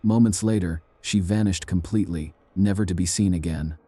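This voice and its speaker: A man giving a measured, ominous scripted narration of eerie true stories. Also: low voice, a crowd in the background.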